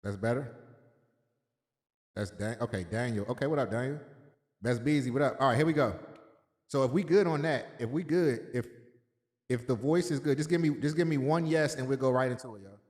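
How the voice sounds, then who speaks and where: Man, livestream host, casual loose chat, repeats himself, mid-pitched, long echoey reverb. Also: brisk, long pauses, a little mellow. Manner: loose and repetitive, greeting chat viewers by name.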